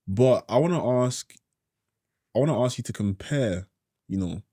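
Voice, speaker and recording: A young man from Nigeria hosting a podcast, chatting casually in a relaxed, slangy way and saying "bro" often. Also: mid-range voice, a little slow, dry recording, clean studio sound. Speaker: podcast host. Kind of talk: casual chat.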